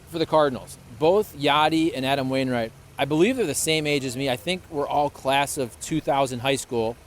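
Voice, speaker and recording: A man in his late thirties co-hosting a podcast in relaxed, chatty conversation. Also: medium pitch, a little hiss or hum. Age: 30s. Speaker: podcast co-host. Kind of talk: casual chat.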